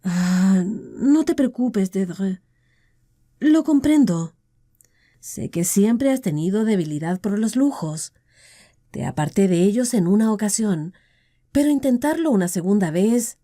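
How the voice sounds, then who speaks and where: A woman narrator with a Latin American Spanish accent voicing a scarred, limping man who speaks calmly and ruefully to his lost love. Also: mid-range voice, unhurried.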